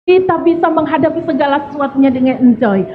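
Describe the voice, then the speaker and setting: A woman preaching at a church service, talking in a lively, conversational way and asking the congregation questions. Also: high-pitched, fast, narrow, tinny audio, slight background noise. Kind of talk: sermon.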